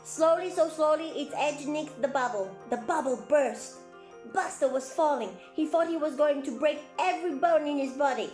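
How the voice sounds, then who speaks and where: Reading aloud to children as a clown, a woman speaks expressively with plenty of exclamations and friendly asides to the young audience. Her high voice moves at a moderate pace amid a roomy echo and faint background music.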